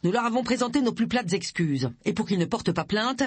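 A brusque, commanding police inspector from an audiobook, as the narrator puts him on, his voice lifted higher than the reading voice. He scolds in short, clipped orders, with a slightly husky tone in a dry, close recording. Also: lively intonation, brisk, dry recording. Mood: stern. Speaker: detective chief inspector.

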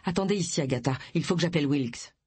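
Woman doing a male detective, curt, commanding, husky, dry sound. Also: low-pitched, fast talker, a little mellow, no echo. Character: brisk male police detective, calm authority.

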